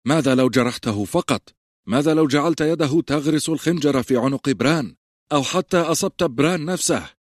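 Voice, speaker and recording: A man's voice: low-pitched, no echo, clean studio sound. A man voicing a young male lord who scolds and gives orders in a stern voice.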